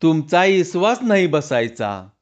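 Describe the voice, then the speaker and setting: A man's voice: a little high, big pitch swings, measured pace, muffled recording. A man voicing a frightened, sickly, thin village man with a weak, faint voice and hesitant, pleading speech. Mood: fearful.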